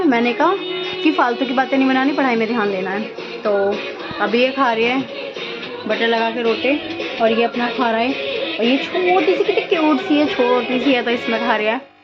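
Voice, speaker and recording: A woman's voice: on the high side, lo-fi sound. A woman in her thirties, chatting casually and rambling while she shows her day and cooks at home. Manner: chatty, rambling, self-deprecating. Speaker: home vlogger. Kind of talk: casual home vlog with cooking.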